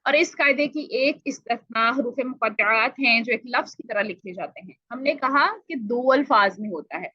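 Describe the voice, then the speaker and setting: Bright-voiced woman teaching Quran recitation. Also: on the high side, slightly rough, no echo, dull audio. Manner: explanatory, asks and answers own questions, drawn-out example words. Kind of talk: online tajweed lesson.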